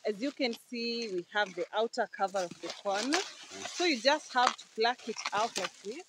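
A woman's voice: fairly high pitch, normal speed. A young woman explaining step by step in a cheerful, casual vlog chat outdoors on a farm, picked up by the vlogger's phone. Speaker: guest. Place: outdoors on a rural maize farm. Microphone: vlogger's phone camera. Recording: outdoor farm noise behind.

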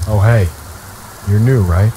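A man voicing a male crime scene detective in a game, speaking with a flat, robotic delivery. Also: lowish voice, unhurried, a little hiss or hum, natural voice, low-quality recording. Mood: matter-of-fact. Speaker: game character, detective partner.

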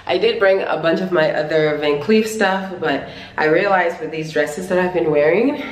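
A woman in her twenties vlogs from a hotel room, camera held at arm's length, chatting playfully and drawing out words for emphasis. Her voice sits on the low side, and the rough recording sounds roomy with a long reverb tail.

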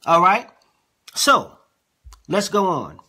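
A male preacher teaching a sermon with a lively, swinging pitch. His voice is bright and a little husky. He reads scripture and keeps checking in with his listeners. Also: takes it slowly. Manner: conversational, checks in with the listeners often. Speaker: apostle, preacher.

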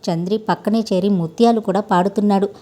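A woman storyteller reading a scripted tale with steady, measured delivery. Her voice is mellow and soft-edged, neither high nor low. The reading stays calm and even throughout.

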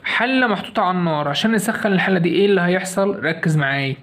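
A man's voice: high voice, expressive, rapid-fire, a bit bright. A man with an Egyptian Arabic accent teaching a science lesson, asking questions and answering them himself. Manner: asks questions and answers them himself, repeats key points. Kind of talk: fast classroom lesson explanation.

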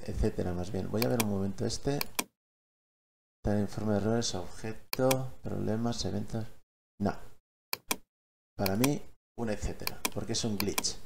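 Gravelly low-voiced man explaining. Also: background noise. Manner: chatty, keeps checking in with listeners. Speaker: gaming tutorial creator. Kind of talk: casual screen-recorded tutorial.

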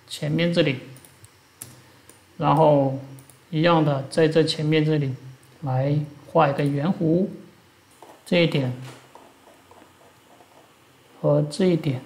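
A man walks through a screen-recorded software tutorial one step at a time. His voice is gravelly and sits a little high, and he explains each action plainly as he goes. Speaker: instructor.

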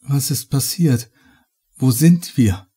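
A man's voice: medium pitch, slow, warm tone, breathy edge, voice pushed up. A man reading a horror audiobook, voicing a terrified young woman who pleads frantically with her captor. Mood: anxious.

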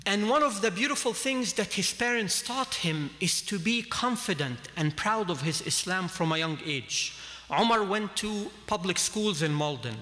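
Bright high-voiced man preaching in a hall. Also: animated, normal speed. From Egypt. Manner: earnest, gesturing with both hands. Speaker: speaker at a mosque. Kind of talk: sermon. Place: large mosque hall, indoors. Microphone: standing mic at a lectern. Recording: long hall reverb.

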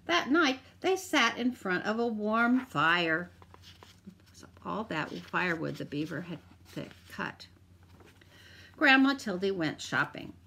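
A woman teacher reading a picture book aloud to children, expressive, with drawn-out emphasis and asides to her listeners. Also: medium pitch, gravelly, a little hiss or hum.

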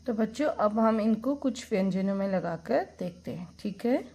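A woman's voice: medium pitch, expressive, normal speed, mellow, a little hiss or hum, rough recording. A woman teacher giving a lesson to young children, drawing out each syllable and repeating sounds for the class to copy. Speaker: kindergarten teacher.

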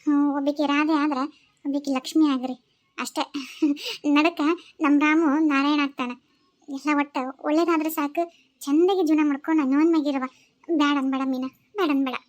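A woman's voice: high-pitched, steady tone, normal speed, long pauses, pitched below the performer's own voice, lightly acted. Woman voicing a coaxing village elder sister. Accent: North Karnataka Kannada. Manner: coaxing and earnest. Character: kind, persuasive older village woman mediator.

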